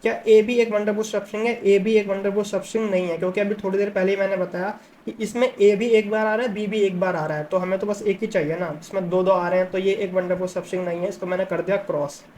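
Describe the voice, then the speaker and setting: A man's voice: high voice, level tone, fast, few pauses, darkish tone, a little hiss or hum, poor audio. A man teaching a coding lesson, working through examples step by step and often checking in with the listener. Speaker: coding tutor.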